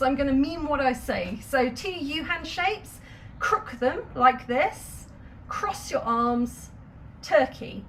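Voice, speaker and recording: In an instructional video, a woman with a high voice teaches sign language, walking through each sign patiently step by step with light laughs. A little hiss or hum is audible.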